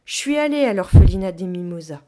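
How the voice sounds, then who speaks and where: A woman's voice: medium pitch, animated, brisk, warm tone, close to an everyday voice. A woman doing a cold, smug official man. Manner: smug, mocking. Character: cold, ironic man, scheming town official. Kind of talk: audiobook reading.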